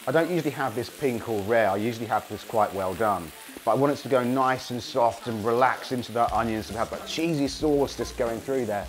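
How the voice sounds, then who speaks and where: A man hosting a casual cooking demonstration, hoarse from a cold, chatting enthusiastically to viewers as he cooks. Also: medium pitch, slight background noise. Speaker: cooking show host.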